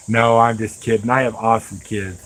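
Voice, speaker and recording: Working with his hands during a live stream, a middle-aged knife maker rambles in a folksy, casual chat directed at his viewers. He has a mid-range voice with a breathy edge.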